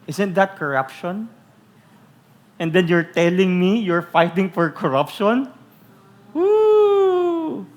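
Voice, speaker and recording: Animated Filipino pastor preaching. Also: male voice, fairly high pitch. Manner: switches between Tagalog and English, acts out quoted voices loudly; teasing, rhetorical questions to the congregation. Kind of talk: sermon.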